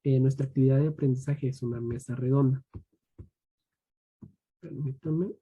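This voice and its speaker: A young man from Guatemala, a student teacher giving an online grammar lesson. He reads rules aloud and then adds slow asides to his students. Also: medium pitch, steady tone, warm tone, breathy edge.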